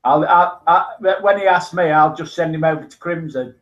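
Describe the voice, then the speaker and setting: A man's voice: on the high side, normal speed, a bit bright, muffled recording. A man chatting on a live stream, hesitant with many restarts. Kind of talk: casual live-stream chat.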